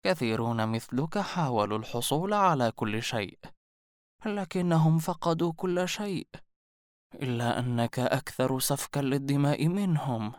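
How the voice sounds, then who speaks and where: A man voicing a mysterious old woman hermit, slow and scornful, in a storybook reading. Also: very deep voice, animated, dry recording, clean studio sound. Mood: ominous. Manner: slow, mocking, ominous delivery.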